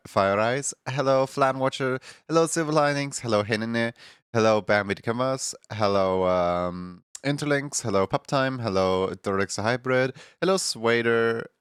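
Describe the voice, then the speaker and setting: A man's voice: medium pitch, normal speed, clear, resonant tone, no echo, clean studio sound. A man streaming live, chatting casually with his viewers in a stuffy morning voice, rambling and laughing often. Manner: rambling, laughs often, greets chat members by name. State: congested morning voice.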